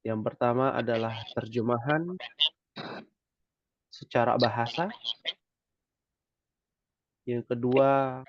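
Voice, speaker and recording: Slow patient male Arabic teacher. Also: mid-range voice, a little mellow, dry recording, lo-fi sound. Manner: patient, repeats "ya" often. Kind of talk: online class lecture.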